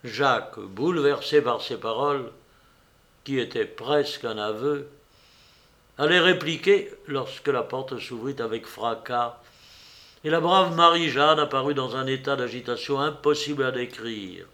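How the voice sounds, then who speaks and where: A man narrating a novel in a steady, calm voice of middling pitch. He moves through the prose evenly, in a plain storytelling manner. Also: measured pace. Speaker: audiobook narrator. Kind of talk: reading a French novel aloud.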